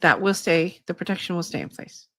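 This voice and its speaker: A woman channeling a gentle female spirit guide. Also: lowish voice, expressive, no room sound, clean studio sound. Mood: soothing. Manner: slow, soothing, measured delivery. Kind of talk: guided energy clearing.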